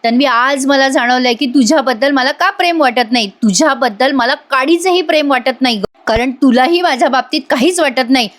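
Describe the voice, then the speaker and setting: A woman's voice: sits high, a little fast, few pauses, lightly acted. A woman voicing a disappointed mother from a TV serial, coldly reproaching her daughter.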